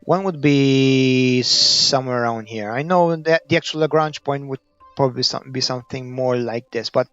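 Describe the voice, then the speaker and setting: A man's voice: normal speed, a bit bright, clean tone, no echo, faint music behind. A man with a Maltese accent giving unscripted gameplay commentary, hesitant and thinking aloud as he goes. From Malta. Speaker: gaming video creator. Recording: muffled, dull low-fidelity audio.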